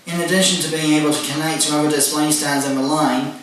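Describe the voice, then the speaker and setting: A man talks through a toy review in a level, fairly high voice that barely rises or falls. He works methodically through each feature and tacks on "and whatnot". He sits well back from the mic in a very echoey room, with faint noise underneath. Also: steady tone, quick pace, fairly bright tone, distant mic. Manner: methodical, listing details with "and whatnot". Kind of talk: casual toy review walkthrough.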